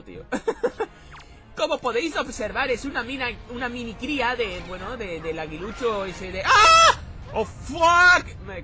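Excitable swearing gamer guy. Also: sits high. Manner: excitable, swears a lot, shouts at the game. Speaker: let's play host. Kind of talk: let's play commentary.

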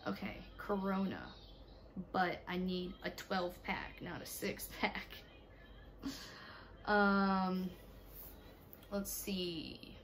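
A young woman with a raspy, stuffy voice from allergies, chatting casually to viewers in a home vlog, tired. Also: fairly low pitch, steady tone, extremely slow, long pauses, slight background noise. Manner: chatty, talks to viewers while ordering online. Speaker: vlogger, mother. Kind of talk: casual day-in-the-life vlog. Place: home, indoors.

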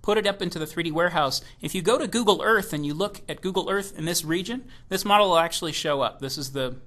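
A man giving a recorded keynote presentation about software, enthusiastic and given to joking asides. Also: high-pitched, fast talker.

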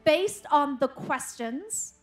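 A woman hosting a pageant on stage, switching between Vietnamese and English and building excitement as she announces. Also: sits high, slow, soft background music. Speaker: pageant emcee. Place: live event stage.

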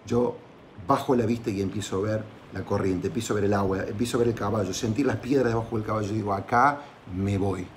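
A man's voice: fairly low pitch, steady tone, quick pace, darkish tone, slight background noise. Argentine man telling a motivational story. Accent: Argentine Spanish. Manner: conversational, with frequent tag questions and restarts. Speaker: entrepreneurship podcaster.

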